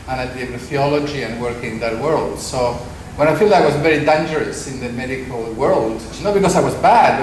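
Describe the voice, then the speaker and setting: A middle-aged man from Argentina, giving a conference talk full of anecdotes and self-deprecating humor. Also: medium pitch. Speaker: conference speaker. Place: conference hall. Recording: echoey hall with background noise.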